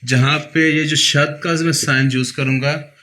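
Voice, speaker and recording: Bright-voiced man teaching sounds. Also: on the high side, steady tone. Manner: patient, repeats each sound slowly for the learner. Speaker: pronunciation teacher. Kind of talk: explaining a lesson.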